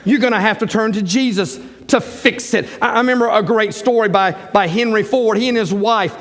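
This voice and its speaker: A man's voice: high voice, moderate pace. A middle-aged man, a pastor preaching a sermon and acting out the dialogue of his stories. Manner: animated storytelling preacher, acts out quoted dialogue. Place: church sanctuary. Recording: church live stream with long hall reverb.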